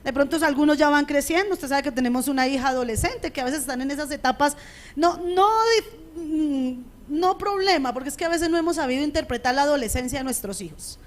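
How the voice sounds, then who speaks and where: A middle-aged woman pastor preaching a sermon in a conversational way, often checking in with her listeners, with a strong, loud voice. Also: sits high, a little fast. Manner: conversational preaching, frequent rhetorical checks with the congregation. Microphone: radio studio microphone.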